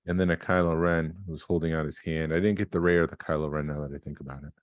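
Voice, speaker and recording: A man's voice: extremely low pitch, steady tone, quick pace, dry recording, highs cut off. A man co-hosting a collecting podcast in casual chat, explaining things in a matter-of-fact way. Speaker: podcast co-host.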